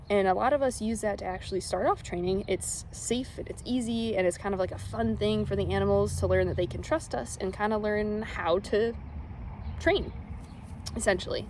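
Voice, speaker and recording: A woman's voice: mid-range voice, a little mellow. Woman zookeeper explaining casually over ambient noise. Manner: casual, simple child-friendly explaining. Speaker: zookeeper and animal trainer. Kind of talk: informal educational demonstration.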